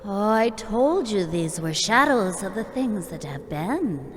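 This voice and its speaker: A woman playing a calm, detached Ghost of Christmas Past in a live radio play. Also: mid-range voice, slight background noise. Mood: solemn. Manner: slow, measured, detached.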